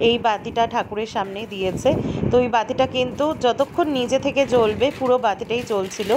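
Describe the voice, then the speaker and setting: A woman's voice: a little high, fast talker, noisy background. A woman narrating a casual vlog, explaining family rituals to her viewers.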